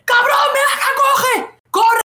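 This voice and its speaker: A man's voice: sing-song, fairly quick, bright, forceful tone, reverberant, exaggerated voice. A man voicing his panicked young friend who swears he saw a demon, pleading frantically. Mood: panicked yelling. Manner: frantic, high-pitched pleading.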